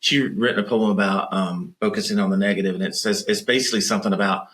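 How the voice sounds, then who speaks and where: A man's voice: on the low side, fairly even intonation, fast, fairly bright tone. A man co-hosting a podcast, chatting casually and thinking aloud through long rambling questions. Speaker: podcast co-host. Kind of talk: casual chat.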